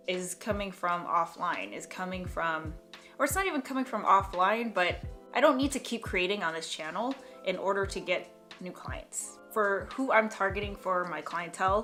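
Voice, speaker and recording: Here a young woman vlogger muses in a reflective monologue, pausing, starting over and letting thoughts drift off. She speaks on the low side, bright and forceful.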